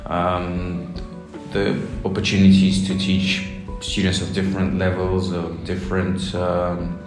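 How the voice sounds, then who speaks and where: Teacher, very low voice, hesitant interviewee, roomy echo. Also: male voice, monotone, takes it slowly. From East London. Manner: rambling, hesitant with frequent "uh". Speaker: English teacher. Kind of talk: casual interview answers. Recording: echoey room with music underneath.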